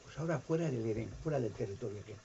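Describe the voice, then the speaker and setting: Stern commanding God, put on by a man, solemn low delivery, middle pitch, dull recording. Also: expressive, racing, warm tone, slight background noise, lightly acted. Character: stern creator God, commanding male elder.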